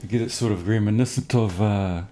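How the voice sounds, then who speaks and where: A man's voice: on the low side, fairly quick, mellow. A man with a New Zealand accent hosting a casual interview chat. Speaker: podcast host.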